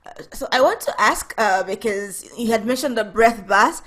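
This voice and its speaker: A woman's voice: fairly high pitch, lively intonation, moderate pace, a bit bright. A woman hosting a podcast interview, asking curious questions and responding in a playful, affirming way. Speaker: podcast host.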